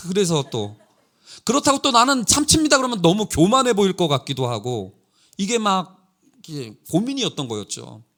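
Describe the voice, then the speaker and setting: Middle-aged male preacher in a church, high and animated, brings anecdotes to life. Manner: animated storytelling with quoted dialogue. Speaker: pastor. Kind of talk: sermon. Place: church sanctuary.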